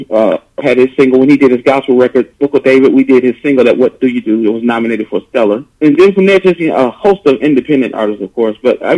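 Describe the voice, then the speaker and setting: A man in his forties from Detroit, a gospel musician talking in a casual interview, animated and preachy, full of rhetorical questions. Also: medium pitch. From Detroit, USA. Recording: muffled lo-fi audio.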